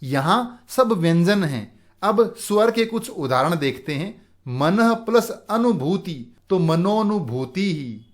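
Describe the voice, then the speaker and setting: Male teacher, high voice, slow and deliberate delivery, walks through a grammar lesson with his own questions. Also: lively intonation. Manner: slow, deliberate, poses questions and answers them himself.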